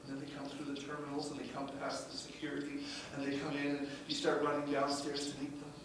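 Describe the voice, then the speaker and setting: A man preaching a sermon in a church, moving from easy storytelling to loud, exclaiming praise with the odd laugh. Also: a little high, completely flat delivery, fast talker, noisy background. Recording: echoey church room, voice from far off.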